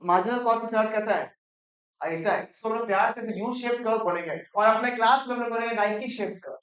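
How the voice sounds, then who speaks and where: A man's voice: high-pitched, a bit bright. Male teacher, teasing, quizzing the class, roomy classroom echo. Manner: asks the class quick questions, mixes Hindi and English; playful, teasing students. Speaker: economics teacher. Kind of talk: classroom lecture. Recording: echoey classroom.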